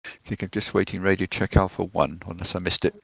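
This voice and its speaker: Creaky low-voiced man giving radio orders. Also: little pitch movement, fast talker, no room sound, muffled recording. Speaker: game commander coordinating players. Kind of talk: military radio procedure in a game.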